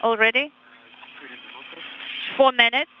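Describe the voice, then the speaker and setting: Man, high flat radio callouts through a sci-fi style communicator, muffled with static. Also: takes it slowly. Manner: clipped, procedural, flat. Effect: crackly space radio transmission, like a sci-fi communicator. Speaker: mission radio operator.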